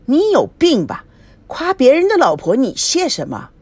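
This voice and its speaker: Woman doing a shrill scolding young woman. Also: wildly swooping pitch, normal speed, darkish tone, dry recording.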